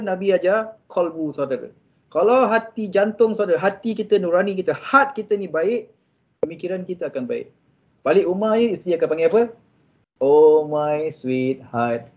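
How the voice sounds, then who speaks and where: A Malaysian man giving an animated religious motivational talk to civil servants, mixing in English phrases and speaking straight to the audience. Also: high voice. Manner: animated, mixes English phrases, often addresses audience directly. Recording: dull lo-fi sound.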